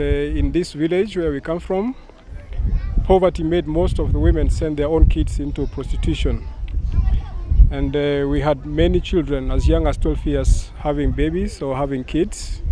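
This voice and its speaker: A man from Kenya, a charity founder speaking in a measured way with fillers. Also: on the high side, fairly even intonation, dark tone. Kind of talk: explanatory speech.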